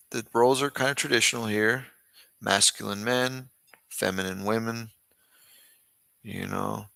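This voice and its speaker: Low, gravelly American man chatting casually. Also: sharp tone, no room sound. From United States. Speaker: host, boxing club trainer. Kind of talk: casual livestream chat.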